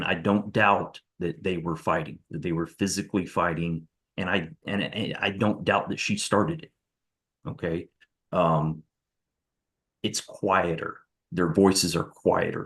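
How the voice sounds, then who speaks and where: Male witness, very low voice, methodical courtroom testimony. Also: steady tone, unhurried, a bit bright. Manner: careful, methodical step-by-step account. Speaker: witness on the stand.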